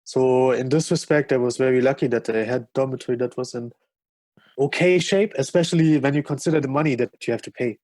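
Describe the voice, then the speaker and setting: A man's voice: mid-range voice, brisk, a little mellow, no room sound. A German man as a podcast guest in casual chat, speaking enthusiastically with frequent fillers.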